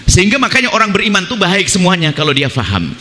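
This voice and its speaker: A man delivers a sermon in a lively, animated voice that sits a little high for a man. He dips low to mock other people's prayers, then jumps back up for emphasis. His bright tone rings out into the long reverb of a large hall. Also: fast. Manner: lively, swings between high emphatic lines and low mocking quoted prayers. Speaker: preacher.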